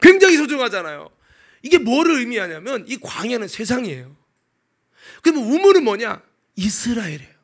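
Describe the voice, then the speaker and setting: A man preaching a sermon, telling the story dramatically, swinging between loud exclamations and hushed asides. He keeps asking the congregation rhetorical questions. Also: extremely high pitch, very animated, a little fast. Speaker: pastor.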